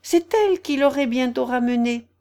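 A woman's voice: high-pitched, expressive, moderate pace, darkish tone, pitched above the performer's own voice. A woman voicing Alice, a curious, polite young girl who talks earnestly and a little apologetically. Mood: eager. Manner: eager, earnest, slightly apologetic.

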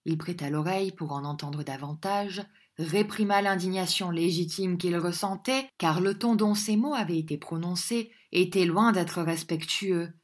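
A woman reads a classic novel aloud, her voice sitting on the low side. She narrates steadily and with measure, letting the long sentences unfold evenly. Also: normal speed. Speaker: audiobook reader.

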